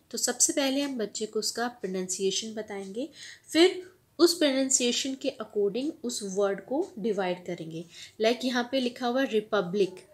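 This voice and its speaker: A woman channel host teaching children's spelling, breaking words into syllables and calling out each letter in a patient, explanatory way. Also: on the high side. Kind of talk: spelling lesson mixing Hindi and English.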